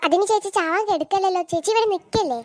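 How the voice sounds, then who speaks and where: Cartoon little sister, woman doing a squeaky high girl's voice, sassy and defiant, dry close sound. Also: quick pace, no room sound. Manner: sassy, talks back. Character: cheeky younger sister, little girl, sassy. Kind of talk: cartoon voice acting.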